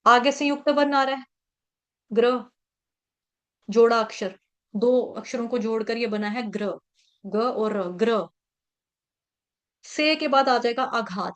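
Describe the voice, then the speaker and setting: A woman teaching Sanskrit verse recitation in an online class, patiently breaking words into syllables and repeating them. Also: on the high side. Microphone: video call.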